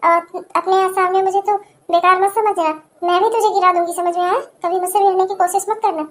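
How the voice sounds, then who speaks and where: A woman's voice: very high voice, fairly even intonation, a little fast. A woman voicing a taunting, scornful middle-aged mother-in-law in a cartoon. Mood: scolding. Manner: taunting, scolding.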